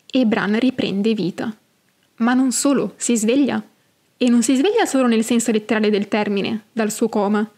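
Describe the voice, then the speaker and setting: A woman's voice: a little high, normal speed, dark tone. Woman explaining fantasy lore. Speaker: podcast host. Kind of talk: lore podcast narration with book readings.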